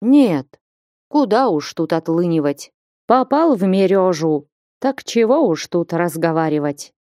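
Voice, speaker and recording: A woman's voice: lowish voice, lively intonation, measured pace, dark tone, dry recording, clean studio sound. A woman reading an audiobook voices a timid, flustered young man who answers plaintively with sighs.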